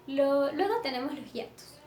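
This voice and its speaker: A woman teaching a lesson in a measured way, with fillers and self-corrections. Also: high-pitched, animated, darkish tone. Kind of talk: explanatory lesson. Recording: echoey room with faint background noise.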